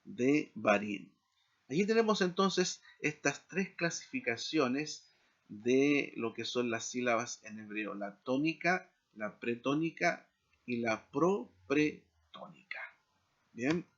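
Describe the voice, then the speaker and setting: A man's voice: medium pitch, pushed and bright. Guy teaching hebrew, takes his time, keeps checking in with little tag questions, a bit muffled lo-fi audio. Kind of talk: recorded lecture.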